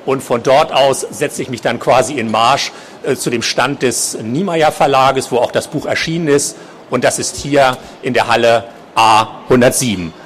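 A male author reading from his novel at a book fair in a measured, expressive way. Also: mid-range voice, a little hiss or hum.

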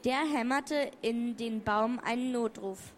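A woman's voice: fairly high pitch, takes it slowly, slight background noise. A woman reading a children's story aloud, taking turns with another reader.

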